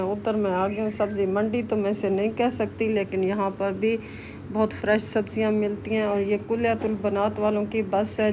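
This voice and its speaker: A woman vlogger narrating her outing in a voice-over, talking directly to her viewers. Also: medium pitch. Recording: loud noise behind voice-over.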